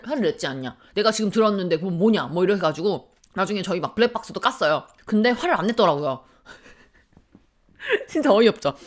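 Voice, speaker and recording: Lively, fast-talking woman chatting. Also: medium pitch. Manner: lively storytelling, acts out quoted lines; sips a drink while chatting. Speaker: vlogger. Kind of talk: casual chat.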